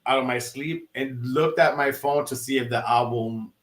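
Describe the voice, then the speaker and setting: A man co-hosting a podcast in casual chat, excitable and rambling, with lots of restarts and fillers. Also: medium pitch, moderate pace, echoey room. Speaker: podcast co-host.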